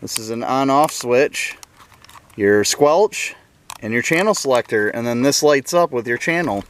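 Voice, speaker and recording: A car restoration vlogger talks informally to viewers while explaining a hands-on project in a do-it-yourself style. His medium-pitched voice is expressive and unhurried, with a little hiss or hum on the recording.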